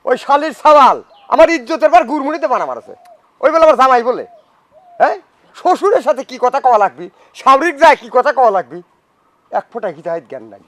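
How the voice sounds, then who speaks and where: A man's voice: extremely high pitch, very animated, brisk, a bit bright, dry recording, full character voice. A man with a rural Pabna Bengali accent playing a short-tempered old father-in-law who scolds and curses. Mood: angry. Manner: scolding, cursing.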